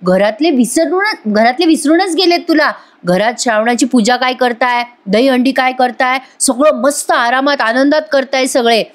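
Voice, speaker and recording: A man's voice: very high-pitched, normal speed, few pauses, a bit bright. A woman voicing a troubled young man from a TV serial who complains in an agitated way about his family. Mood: indignant.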